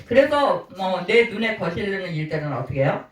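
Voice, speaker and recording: A woman's voice: mid-range voice, sing-song, fairly quick. A middle-aged woman pastor preaching a conversational sermon, asking her congregation questions and acting out little quotes. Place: small church sanctuary. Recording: echoey church hall, distant mic.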